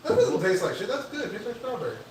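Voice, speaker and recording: Joking band member in an echoey room. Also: male voice, very high voice, huge pitch swings, fast, darkish tone, far from the mic. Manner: joking, banters about beer. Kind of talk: casual livestream chat. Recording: roomy echo, off-mic, faint noise.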